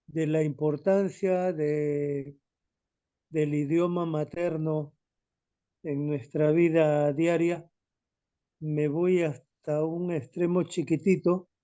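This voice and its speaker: A man speaking as a student in an online class. He explains his essay topic slowly and hesitantly, often pausing to search for words. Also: on the high side, warm tone, muffled recording.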